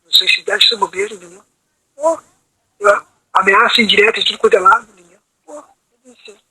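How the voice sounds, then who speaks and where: A man's voice: high voice, expressive, fast, sharp tone, slightly rough, no echo, poor audio. A man on a video call telling a long personal account, rambling and asking "entendeu?" after almost every phrase. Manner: rambling, repeats "entendeu?" constantly. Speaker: meeting participant.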